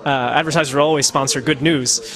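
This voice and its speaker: Speaking quickly in a medium-pitched, slightly bright voice with fairly even intonation, an American man answers interview questions. He is a podcaster and citizen journalist, recorded in the Netherlands, and his replies are laid-back and thoughtful with many fillers and false starts.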